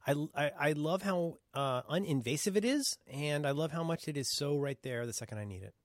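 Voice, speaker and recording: A man co-hosting a podcast, telling stories in a laughing, animated way and swearing freely. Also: a little high, fairly quick, no echo, clean studio sound. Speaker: podcast co-host. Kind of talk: casual chat.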